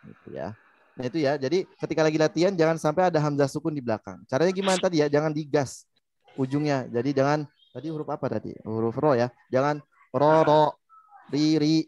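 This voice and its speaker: A man's voice: a little high, fast talker, a little mellow, lo-fi sound. A man with an Indonesian accent teaching Quran recitation, patiently explaining and modeling sounds. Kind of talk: online tajwid lesson.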